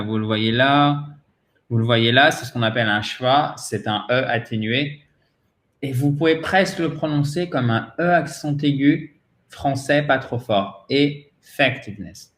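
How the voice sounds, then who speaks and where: A man with a French accent, a native French speaker, teaching English pronunciation in a patient way and repeating words slowly for drilling. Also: mid-range voice, a bit bright, reverberant. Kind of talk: pronunciation lesson.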